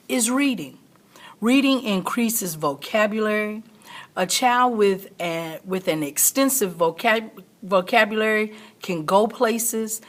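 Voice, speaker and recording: Middle-aged woman giving an emphatic motivational talk. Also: mid-range voice. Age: middle-aged or older. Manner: emphatic, repeats key phrases for stress. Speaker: teacher and online show host. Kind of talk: motivational talk to a live online audience.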